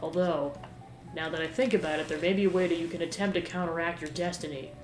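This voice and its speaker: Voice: medium pitch, steady tone, fast, natural voice. A game player voicing a mysterious young woman fortune teller with formal, ominous soothsaying patter. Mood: persuasive. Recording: roomy echo with game music behind.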